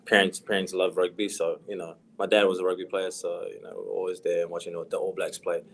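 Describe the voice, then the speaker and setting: A young man from New Zealand with a New Zealand accent, a footballer chatting casually in a podcast interview, soft-spoken with a voice that trails off quietly. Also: sits low, little pitch movement, fairly quick, creaky, a little hiss or hum. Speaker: professional footballer guest.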